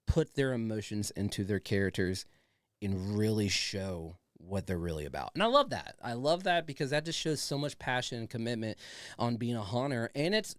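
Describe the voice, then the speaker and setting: A man's voice: lowish voice, no room sound, studio quality. A man hosting a podcast in a casual, chatty, enthusiastic way with informal, sweary talk. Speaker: podcast host. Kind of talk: casual chatty show introduction.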